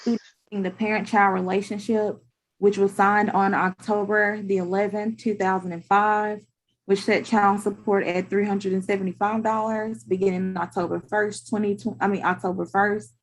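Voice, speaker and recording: A woman with a mid-pitched voice speaks as an attorney for the state. Her delivery is formal and procedural, with halting phrasing. She is heard over a video call. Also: little pitch movement, low-quality recording. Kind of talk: formal courtroom questioning.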